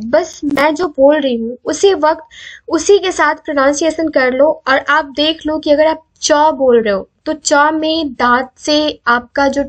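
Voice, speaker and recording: A young woman with a high voice teaches a grammar lesson for exam prep. She poses questions to her class and answers them herself, and draws out each letter slowly so viewers can say it along with her. The audio is a little dull and muffled. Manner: sounds out letters slowly for students to repeat.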